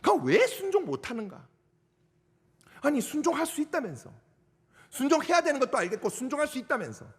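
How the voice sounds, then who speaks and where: A male pastor, giving a youth sermon in an animated way and acting out what people say. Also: a little fast, pauses often, in a large hall. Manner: animated, acts out quotes with big pitch swings.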